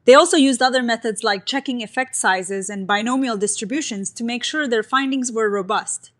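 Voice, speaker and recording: A woman with a somewhat high voice narrates a science explainer from a script. She lays out research findings in a clear, upbeat way and uses everyday comparisons to make ideas easy to follow. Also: fairly quick, a bit bright.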